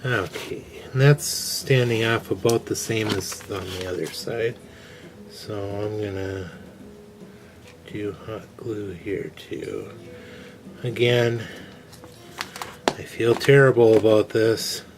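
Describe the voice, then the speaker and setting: A man's voice: on the low side, fairly even intonation, slow, long pauses. A man casually narrating an electronics repair in a wry, self-mocking way. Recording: background music under voice.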